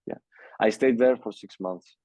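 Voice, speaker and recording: In a relaxed interview, this young guest from Greece, a music producer, speaks accented English as his second language. The voice sits on the low side with a dark tone and no room sound; his delivery is halting, with lots of fillers and false starts.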